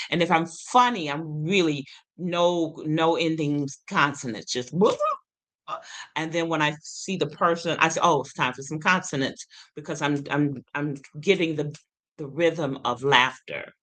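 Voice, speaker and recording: A low-pitched woman in her sixties with a lateral lisp tells stories as an interview guest. She fills pauses with ums and springs into acted-out quotes. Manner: animated storyteller with many ums, acts out quotes. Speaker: guest, occupational therapist and singer. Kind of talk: casual interview chat.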